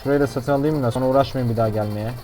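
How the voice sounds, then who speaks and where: A man giving excitable, brash and jokey commentary on his own gameplay as a gaming YouTuber. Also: mid-range voice, rapid-fire.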